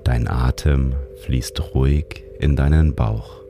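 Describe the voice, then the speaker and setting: A man narrates a guided sleep meditation in a soothing, calm manner, like a sleep-story narrator. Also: very deep voice, takes it slowly, creaky, over music. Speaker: meditation guide and show host.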